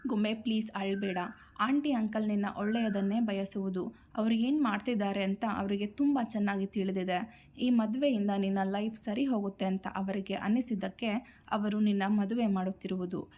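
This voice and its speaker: Woman voicing a gentle young male best friend. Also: mid-range voice, fairly even intonation, moderate pace, close to an everyday voice. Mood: soothing. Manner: coaxing, mixes English phrases.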